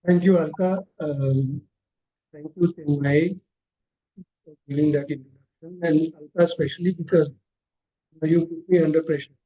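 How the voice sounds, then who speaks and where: A man giving a measured seminar talk over a video call whose audio keeps glitching and breaking up. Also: a little high, fairly even intonation, narrow, tinny audio. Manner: measured, with polite thanks and restarts. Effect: glitching, breaking-up online call audio. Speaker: seminar speaker.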